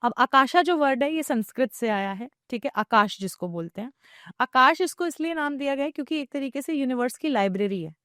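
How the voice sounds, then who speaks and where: A woman's voice: high-pitched, expressive, fairly quick, fairly bright tone, dry recording, clean studio sound. A woman podcast guest, an Akashic record reader, explaining her practice at length and mixing English phrases into her talk.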